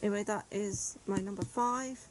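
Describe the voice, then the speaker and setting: Casual reviewer, woman, chatty and rambling, mid-pitched, faint hiss behind. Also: moderate pace. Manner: chatty, rambling, frequent "like" and "yeah". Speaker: manga reviewer.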